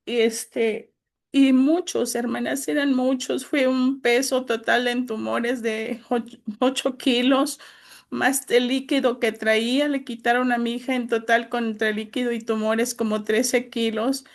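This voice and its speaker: Slow high-voiced woman giving a testimony. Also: flat delivery. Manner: earnest, pleading, with frequent "este" fillers. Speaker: church sister giving a testimony. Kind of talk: religious testimony to a women's group.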